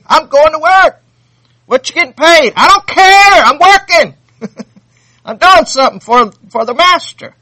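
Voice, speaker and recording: A man's voice: very high voice, animated, measured pace, pauses often, bright, forceful tone, no echo. A man preaching a sermon, fervent and repetitive, reading scripture aloud with rising intensity. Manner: fervent, repeats phrases, reads scripture aloud.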